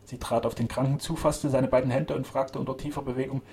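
A man reading a serialized adventure novel aloud in a steady, measured way. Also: medium pitch, vocal fry. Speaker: audiobook reader.

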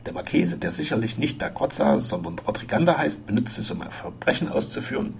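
A man voicing Gérard, a gruff French henchman. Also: mid-range voice, lively intonation, brisk, slight background noise. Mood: gleeful. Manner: gruff, forthright, menacing warnings. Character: burly tough male French henchman, blunt and proud.

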